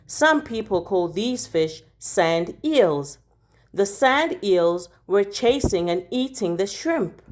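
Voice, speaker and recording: A woman reads a children's picture book aloud like a teacher, animated and expressive, giving key words deliberate dramatic weight. Her voice is mid-range, and there's a slight hiss or hum in the audio.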